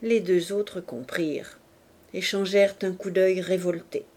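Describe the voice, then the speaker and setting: Woman narrator for a classic novel, slow and warm. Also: on the low side, level tone. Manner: slow, measured reading. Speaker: audiobook reader.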